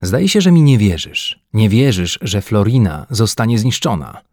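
A man's voice: on the low side, normal speed, darkish tone, no echo, clean studio sound. A man voicing an agitated, frightened Earthman scientist in a science-fiction audiobook, pleading and near-hysterical. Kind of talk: audiobook character voice.

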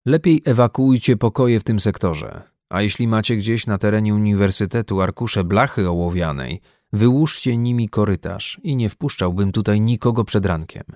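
Give me a man doing a calm, measured young man in an audiobook, deep and gravelly. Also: no room sound, clean studio sound, lightly acted. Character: calm, composed young man, giving orders.

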